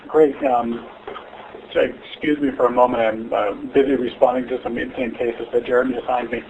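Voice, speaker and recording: A man's voice: medium pitch, level tone, normal speed, darkish tone. A man on a webinar panel giving an easygoing, hedging answer to a technical question. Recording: tinny phone-line audio with faint hiss.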